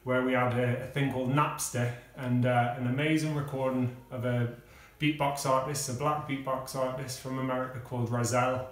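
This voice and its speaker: A man's voice: mid-range voice, flat delivery. Guy teaching a beatbox lesson, kinda far from the mic, really echoey kitchen. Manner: measured, explaining step by step with pauses and fillers. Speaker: music teacher. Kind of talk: casual video lesson. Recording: echoey room, speaker away from the mic.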